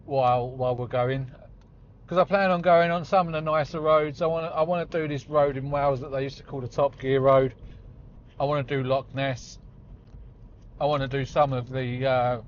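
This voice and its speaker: Casual vlogger, man in his forties, chatty and self-deprecating, recorded in a car with dull sound. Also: medium pitch. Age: 40s. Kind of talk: casual chat while driving. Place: inside a car on the road. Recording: slightly dull audio with faint road noise.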